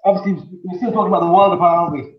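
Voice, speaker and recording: Read as a casual podcast co-host, a hesitant man full of ums, who sounds like he's talking from inside a well through a dull laptop speaker, a touch high. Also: racing. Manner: hesitant, lots of ums and uhs. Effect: hollow, muffled sound, as if from inside a well. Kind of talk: casual boxing podcast chat. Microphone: laptop on speaker, no headphones. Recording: echoey, dull lo-fi call audio.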